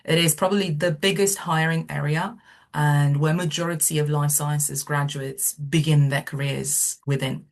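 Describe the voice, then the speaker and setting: Woman from Romania, middle-aged, low voice, recruiter presenting over a video call with frequent ums. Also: steady tone, normal speed. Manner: hesitant, many ums. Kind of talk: webinar presentation.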